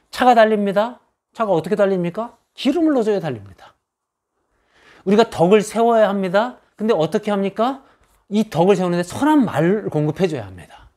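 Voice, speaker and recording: A man's voice: high-pitched, darkish tone. A man preaching a sermon as pastor, stressing his points by repeating phrases in rising lists.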